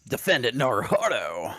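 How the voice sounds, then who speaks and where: A man's voice: medium pitch, gravelly, pushed and bright, husky, no echo, clean studio sound, full character voice. A man voicing a stern court bailiff in a game, announcing in a curt, formal way. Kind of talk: voice-acting a game on stream.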